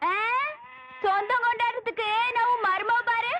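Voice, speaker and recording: An actress playing a fierce, boastful old village woman who shouts menacing threats in a film comedy scene. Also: extremely high pitch, fairly even intonation, normal speed, dull audio, heavy background noise. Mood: threatening. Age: older. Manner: loud, menacing taunts in rustic dialect. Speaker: film character.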